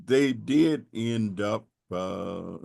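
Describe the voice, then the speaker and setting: A man answering as a panelist in an online discussion, measured and deliberate. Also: fairly low pitch, animated, vocal fry, darkish tone. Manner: slow, measured, with restarts. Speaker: panelist, congressman.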